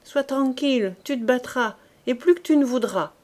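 A woman shouting as a brash canteen woman. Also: high-pitched, moderate pace, pitched above the performer's own voice, natural voice. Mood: blunt. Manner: shouting, rough familiar tone. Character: brash motherly army canteen woman, blunt and loud.

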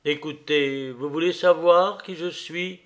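A man reading a classic novel aloud, playing the first-person narrator's dialogue in an unhurried, theatrical way. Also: on the high side, fairly even intonation, fairly bright tone. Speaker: reader. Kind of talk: audiobook reading of classic fiction.

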